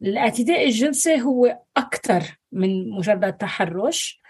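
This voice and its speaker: A woman psychologist with a Levantine Arabic accent answering interview questions thoughtfully, pausing on fillers and slipping in English words. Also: on the high side, lively intonation, darkish tone, breathy edge. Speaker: psychologist guest.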